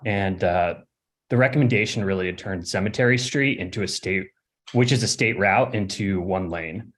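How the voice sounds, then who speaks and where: A young man from Connecticut giving a hesitant public comment at a city hearing over a remote call, with many fillers and throat clearing. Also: low voice, moderate pace, a bit bright. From Connecticut, USA. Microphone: remote call audio.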